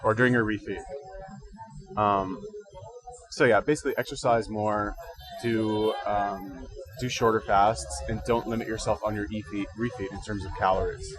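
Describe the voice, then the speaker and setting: With a crowd audible behind him, a man with a lowish, fairly even voice speaks at normal speed. He's a casual livestream host, just up and a bit congested, musing aloud in slangy, informal terms about fitness and diet.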